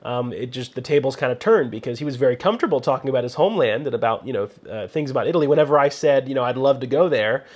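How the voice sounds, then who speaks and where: A man's voice: medium pitch, very fast, few pauses, darkish tone. Chatty man telling a photo story. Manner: rambling, chatty, full of "you know" fillers. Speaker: photographer and host. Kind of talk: casual storytelling with photography tips.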